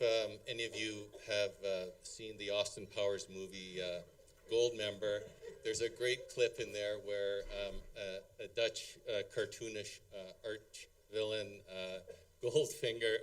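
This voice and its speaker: At a wedding reception hall, a middle-aged father of the bride gives a halting, unscripted toast, rambling and hesitant with plenty of ums and chuckles. His voice is on the low side, smooth and fairly bright, picked up by a distant mic.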